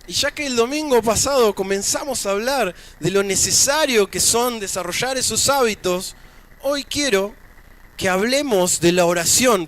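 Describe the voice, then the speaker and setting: A man's voice: sits high, fairly bright tone. A man with an Argentine accent preaching a sermon at a church service, talking in a conversational way with joking asides between scripture readings. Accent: Argentine Spanish.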